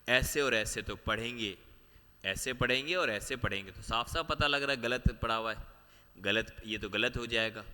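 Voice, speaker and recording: A man teaching a biology class for exam prep. He explains step by step, repeats the key points and keeps asking the students quick questions. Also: medium pitch, sharp tone, clear, resonant tone, big-room sound. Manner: explains step by step, mixing Hindi with English terms.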